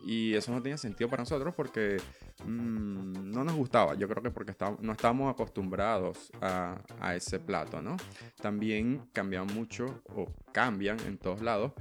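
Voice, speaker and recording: A man's voice: lowish voice, normal speed, soft background music. A Venezuelan man hosting a podcast, talking in a casual, rambling monologue full of fillers and restarts. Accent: Venezuelan Spanish. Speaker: podcast host.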